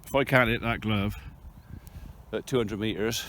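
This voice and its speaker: A man's voice: unhurried, fairly bright tone. A man talks casually and plainly in a handheld phone video outdoors, thinking aloud as he explains what he is doing. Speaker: farmer and video host. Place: outdoors on farmland. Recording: noisy outdoor phone video, engine and vehicle rumble.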